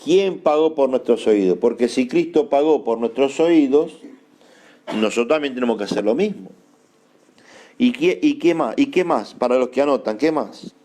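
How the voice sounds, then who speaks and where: A man preaching a sermon in an Argentine accent, emphatic and repeating key phrases slowly for his listeners to note down. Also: medium pitch, lively intonation, dark tone. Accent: Argentine Spanish. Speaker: apostle preaching.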